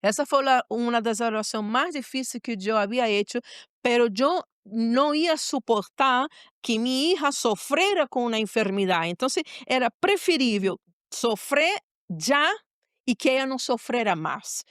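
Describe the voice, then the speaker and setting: A woman's voice: on the high side, lively intonation, normal speed, fairly bright tone, dry recording, clean studio sound. Earnest middle-aged woman telling a story. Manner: earnest, repeats phrases, acts out her own words. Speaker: guest, pastor and mother. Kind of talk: personal storytelling in a podcast conversation.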